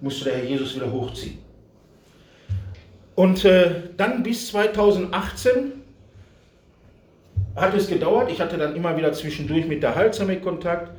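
A middle-aged man preaching a personal testimony to a congregation, swinging from loud cries to hushed whispers and often speaking straight to his listeners. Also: sits high, animated, normal speed, long pauses, reverberant, distant mic. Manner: addresses the audience directly. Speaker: street preacher. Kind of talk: testimony sermon.

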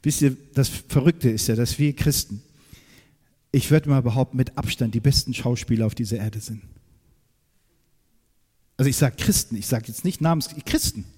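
Preaching at normal speed in a husky voice with long pauses, a man questions his listeners directly and emphatically. He shifts from loud bursts to low, quiet asides, and the sound suggests a big room.

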